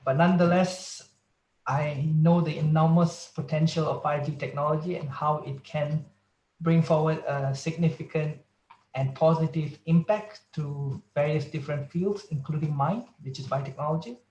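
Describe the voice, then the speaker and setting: A man's voice: a little high, fairly even intonation, moderate pace, darkish tone, roomy sound, dull audio. A man from Malaysia, a research scientist, giving a careful, explanatory presentation over a video call. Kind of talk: online conference presentation.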